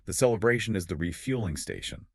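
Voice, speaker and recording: A man's voice: low-pitched, sing-song, quick pace, dry recording, studio quality. A man co-hosting an explanatory podcast, confidently walking through ideas step by step. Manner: confident, explains in clear steps. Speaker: podcast co-host.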